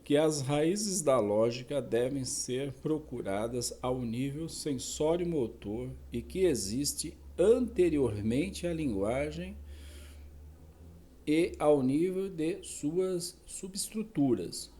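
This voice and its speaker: Slow, dark-voiced man reading aloud. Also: a little high, lively intonation. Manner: slow, careful reading with self-corrections and asides. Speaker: reader. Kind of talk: reading a philosophy text aloud.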